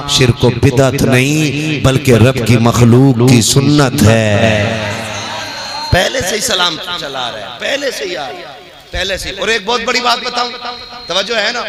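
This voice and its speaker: High-voiced impassioned male preacher. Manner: impassioned, rising to shouted climaxes. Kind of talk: devotional sermon. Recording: loud crowd around a live stage talk.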